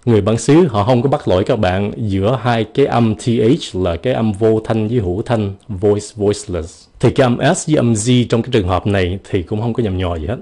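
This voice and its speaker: Guy doing a chatty pronunciation lesson, kinda low voice, warm and mellow. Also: fairly quick, few pauses. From United States. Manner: chatty, joking, stretches out example words. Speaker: English pronunciation teacher. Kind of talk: casual video lesson.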